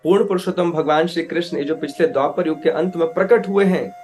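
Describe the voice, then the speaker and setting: A man telling a devotional scripture story as a preacher, animated, acting out characters and mixing in English words. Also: on the high side, fast talker, soft background music. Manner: animated storyteller, acts out voices with loud outbursts; mixes English words into Hindi.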